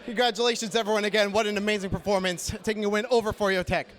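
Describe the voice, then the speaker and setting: Excitable high-voiced man hosting live. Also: racing. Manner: excitable, joking, loose filler-heavy talk. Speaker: event host. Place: stage at a live gaming tournament. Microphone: handheld mic. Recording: live event with crowd noise. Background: cheering crowd.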